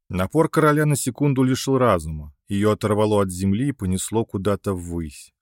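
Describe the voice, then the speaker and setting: A man reading a fantasy romance audiobook aloud in an expressive, dramatic way. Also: on the low side, no echo, studio quality. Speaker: audiobook narrator. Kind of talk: scripted narration of a fantasy romance.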